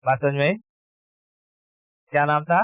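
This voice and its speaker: A man's voice: on the high side, fairly even intonation, measured pace, a bit bright, clean tone, dry recording, poor audio. A man teaching history in a casual exam-prep lecture, informal, repeating key terms and checking that students follow.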